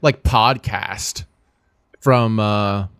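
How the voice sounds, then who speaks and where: A man's voice: fairly low pitch, fairly even intonation, extremely slow, a bit bright, smooth, dry recording. A man co-hosting a casual movie podcast, rambling and hesitant with lots of fillers. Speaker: podcast co-host.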